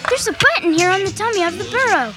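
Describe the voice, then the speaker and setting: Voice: very high voice, animated, quick pace, music in the background. A performer voicing a bold, curious young boy in a children's radio drama, urging his sister on. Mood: eager. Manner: daring, eager.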